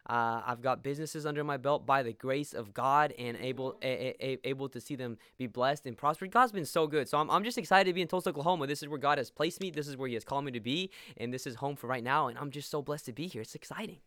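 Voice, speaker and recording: A young man from Peru talks quickly and earnestly as a podcast guest, telling his faith story with a smooth, clear voice. He stumbles into repeated words when searching for the next thought. The sound is close and dry, with no room around it. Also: mid-range voice, a bit bright, no echo. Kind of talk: faith testimony in conversation.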